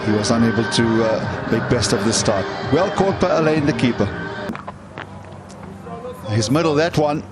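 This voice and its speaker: A man's voice: mid-range voice, moderate pace, long pauses. A man giving live cricket commentary, describing each delivery.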